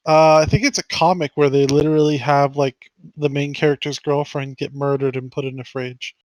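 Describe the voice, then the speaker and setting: Higher-voiced man, casual gamer chat. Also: flat delivery, a little fast, no echo, rough recording. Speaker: tabletop game player.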